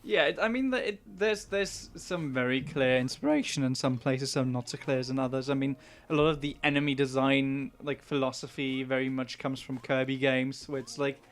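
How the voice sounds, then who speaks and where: A man's voice: medium pitch, normal speed, hardly any pauses. A man in his twenties, a game developer, talking casually in a podcast interview, rambling with lots of fillers and restarts. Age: 20s.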